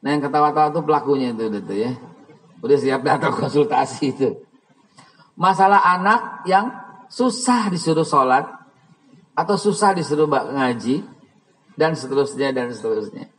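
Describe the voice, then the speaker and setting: A man's voice: medium pitch, expressive, normal speed, long pauses. A man preaching a dawn sermon, telling stories, acting out the people in them and rising to heated, passionate peaks. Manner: storytelling, acts out quoted voices, rising to heated, passionate outbursts. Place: mosque hall. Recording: long reverb of a mosque hall.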